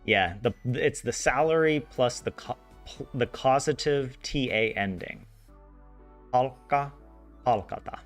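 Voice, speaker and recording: On a language-study live stream, a man talks in a mid-range voice with lively intonation, speaking a little slowly over soft background music. He chats and translates in a rambling way, laughing and restarting frequently.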